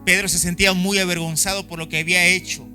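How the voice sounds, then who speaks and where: At a church service, a pastor with a Chilean Spanish accent delivers a fervent sermon, imitating the voices of those he quotes. He speaks quickly in a high, bright, forceful voice with a level tone, over soft background music.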